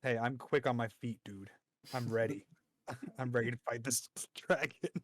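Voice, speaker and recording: A man's voice: mid-range voice, moderate pace, dry recording, clean studio sound. Casual, jokey man playing a tabletop game. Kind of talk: casual chat.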